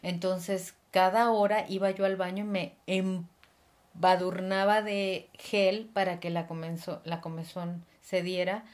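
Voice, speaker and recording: A woman, a podcast guest telling a personal story in a lively, laughing way. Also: lowish voice, unhurried. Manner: lively, laughing, acts out voices in her story.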